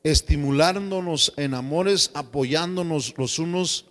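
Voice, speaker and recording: A man preaching a sermon as pastor, lively and joking, slipping into slang voices. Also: a little high, slow pace, big-room sound. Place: church.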